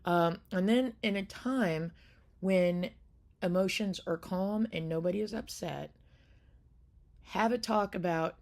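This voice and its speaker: A woman with a low, gravelly voice hosts a caregiving talk. She speaks casually, rambling and restarting, with lots of ums and uhs. Her tone is plain and unscripted. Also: takes it slowly, darkish tone. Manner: loose, rambling delivery with many fillers and restarts. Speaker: caregiving channel host.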